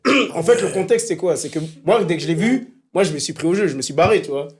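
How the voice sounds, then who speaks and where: Lively, high-voiced young man. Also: fast. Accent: Swiss French. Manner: lively, jumps in and laughs a lot. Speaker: podcast co-host. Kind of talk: casual chat.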